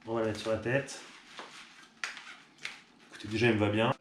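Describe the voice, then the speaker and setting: A man who runs an online shop unboxes a product, chatting casually and upbeat with plenty of fillers. His voice is fairly low with little pitch movement and a moderate pace, recorded in an echoey room with clear background noise.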